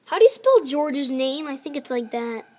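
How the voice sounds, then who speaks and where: A woman's voice: high-pitched, sing-song, normal speed, a little mellow. A young girl chatting casually as she plays a video game, scolding her villagers and narrating what she builds. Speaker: gamer. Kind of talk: casual gameplay commentary. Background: faint music from a clarinet.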